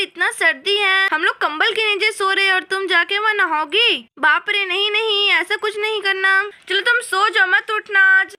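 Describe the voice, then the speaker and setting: A woman's voice: extremely high pitch, bright, forceful tone, full character voice. A woman voicing a village mother who scolds her stubborn little daughter in a doll story. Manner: nagging, exasperated scolding.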